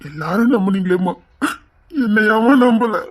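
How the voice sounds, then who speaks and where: A guilt-ridden young man from a television drama, crying through an anguished confession. His voice sits high for a man, and he sounds pained and tearful throughout. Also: normal speed. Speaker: son. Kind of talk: TV serial acting.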